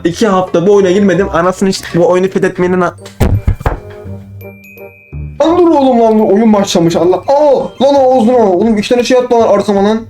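A young man commenting on his own gameplay, excitable, talking to himself and bursting into shouts. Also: high-pitched. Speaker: gaming channel host.

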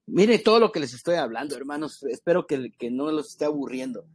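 A man's voice: mid-range voice, animated, fairly quick, darkish tone, husky, no echo. A man giving an informal Bible class, talking conversationally to his listeners as brothers, with frequent restarts and asides. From Guatemala. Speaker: ministry school teacher.

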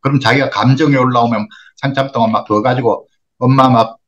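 A man, a counselor explaining calmly and patiently on a phone consultation, acting out example phrases. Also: medium pitch, fast talker, muffled recording. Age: 60s.

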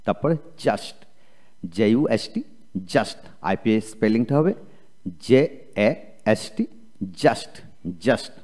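A man's voice: medium pitch, expressive, darkish tone. A man with a Bengali accent teaching English spelling in a video lecture, drilling each word letter by letter and repeating it. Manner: slow, repetitive letter-by-letter drilling.

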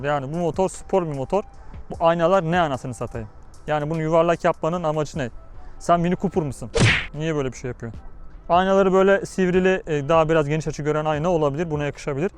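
A man with a notably high voice speaks from inside a helmet as he rides. He explains things informally, slipping into slang and asking his own questions, with faint music behind him. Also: smooth. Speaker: motorcycle vlogger reviewing his bike. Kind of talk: casual motovlog commentary while riding. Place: outdoors on a motorcycle in city traffic, speaking inside a helmet.

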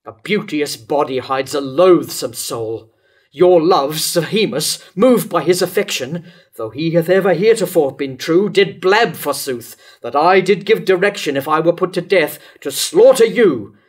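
An older man playing the jealous, tormented King Herod in a staged reading of a Jacobean verse tragedy speaks in a higher-set voice with lively intonation, very slowly and declamatorily. Wrathful and lovesick, he sounds anguished and bitter, with deliberate delivery and dramatic pauses, into a stand microphone at a lectern.

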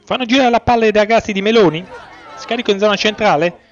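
A man giving excitable sports commentary on a youth football match as its commentator. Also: high-pitched, fast, a faint crowd. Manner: excitable, swells on chances and goals. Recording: dull lo-fi audio, faint music.

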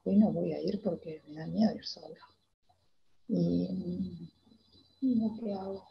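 A woman with an Argentine accent playing a timid young girl in a theater monologue, talking in a hesitant, halting way. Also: on the low side, creaky, dull audio, exaggerated voice. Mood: wistful. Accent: Argentine Spanish. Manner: hesitant, halting, many restarts. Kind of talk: theater monologue, reliving a memory.

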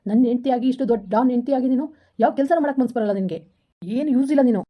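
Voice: medium pitch, rapid-fire, natural voice. A performer playing a stern male gang boss who scolds and threatens his wife impatiently. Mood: scolding. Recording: muffled lo-fi recording.

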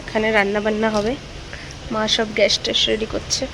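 A woman's voice: mid-range voice, monotone, brisk, gravelly. A young woman from North Bengal, India, chatting and explaining things as she films a home vlog on a handheld phone. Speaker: vlogger. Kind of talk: casual vlog narration. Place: family home in a village during a home puja. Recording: noisy home ambience.

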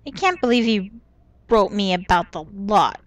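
A woman's voice: mid-range voice, expressive, normal speed, dry recording. A young woman casually commenting on a game she is playing, mumbling and thinking aloud. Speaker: let's play gamer.

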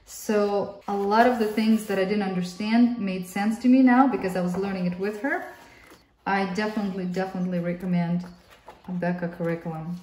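Seated at a table in an indoor room, a mother in her thirties flips through homeschool workbooks, explaining them warmly and repeating words for emphasis. A native Russian speaker with a Russian accent, she talks fairly quickly at medium pitch with fairly even intonation and a darkish tone. The audio is roomy, with a distant mic and faint hiss.

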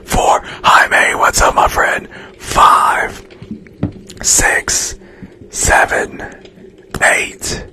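A man's voice: drawn-out words, pauses often, pushed and bright. Whispering man hosting an ASMR livestream. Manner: whispering, chatty, thanking viewers for gifts. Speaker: livestream host.

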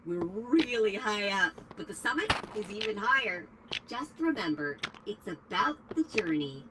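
A woman's voice: medium pitch, sing-song, normal speed, very noisy, lightly acted. A woman voicing a chirpy, cheerful female robot tour guide in a game, who talks in upbeat surfer slang and calls the player "human". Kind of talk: game character dialogue.

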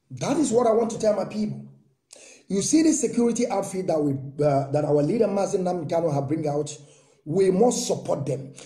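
A political commentator in his thirties, Nigerian-accented, speaks fervently to camera from a small indoor room, piling on rhetorical questions and repeating himself. The voice is high yet dark in tone, with a roomy sound.

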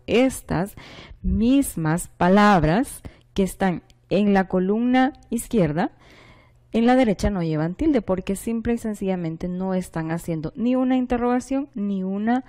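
A woman's voice: mid-range voice, dark tone. A woman teacher, from Honduras, giving a recorded lesson, explaining patiently and asking rhetorical questions of her pupils. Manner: reads example sentences aloud slowly.

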